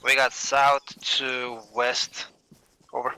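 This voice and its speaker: A man's voice: medium pitch, completely flat delivery, slow pace, sharp tone. A man talking in clipped military procedure over a walkie talkie during a war simulation game, with clicks on the line. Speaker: squad team leader in a military simulation game. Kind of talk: military radio communication in game. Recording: noisy radio comms with clicks.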